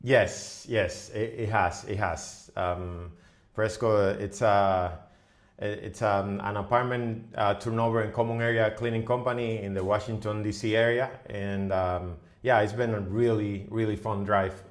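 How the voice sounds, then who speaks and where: A middle-aged man from the Dominican Republic, a business owner guest on a podcast, speaking haltingly with many fillers and restarts. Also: lowish voice, steady tone. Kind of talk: podcast interview.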